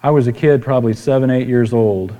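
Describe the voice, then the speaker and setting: A man's voice: mid-range voice, a little fast, dark tone. A middle-aged man preaching a sermon with personal storytelling, in a folksy, conversational way, repeating phrases for emphasis. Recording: reverberant hall.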